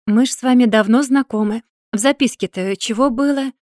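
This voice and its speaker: A woman voicing an exasperated, sharp-tongued young wife who pleads and needles in turn. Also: a little high, dry recording, clean studio sound, close to an everyday voice. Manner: pleading and sarcastic, drawn-out complaints.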